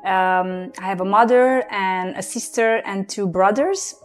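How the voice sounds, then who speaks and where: A young woman from Transylvania with a Hungarian-Romanian accent, giving a personal testimony in English with many pauses and fillers. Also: medium pitch, faint music behind. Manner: halting, many fillers and restarts. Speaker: guest.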